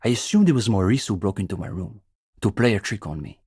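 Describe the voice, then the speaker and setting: Fast, lively and darkish in tone, this young man's fairly low, husky voice comes through close and dry as he voices a video game character. He's the earnest, pompous communist student leading a revolutionary reading group, a bookish zealot given to precise lecturing, though here his mood is wry and casual.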